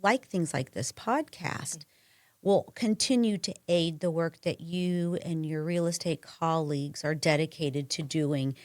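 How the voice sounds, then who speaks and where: A woman's voice: low-pitched, unhurried, no echo, studio quality. A woman with a Midwestern American accent hosting a podcast interview, encouraging and affirming her guest. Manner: warmly encouraging, with affirming murmurs. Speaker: podcast host.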